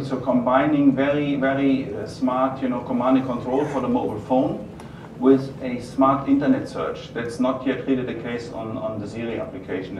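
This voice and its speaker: German guy w strong accent doing a product q&a, halting, far from mic, noisy room. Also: mid-range voice, reverberant, muffled recording. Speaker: company presenter taking audience questions. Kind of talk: live product presentation and Q&A. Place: roomy event venue.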